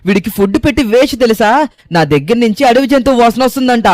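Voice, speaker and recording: A man hosting and voicing his own game story video in a lively, fast way. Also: extremely high pitch, no room sound, clean studio sound. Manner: lively, talks fast to the viewers and the characters. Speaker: host and narrator. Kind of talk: gameplay story voice-over.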